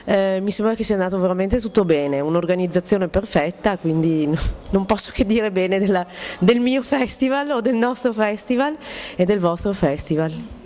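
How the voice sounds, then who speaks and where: A woman's voice: mid-range voice, expressive, moderate pace, darkish tone. A woman answering an interview as festival director, speaking with some hesitant repetition.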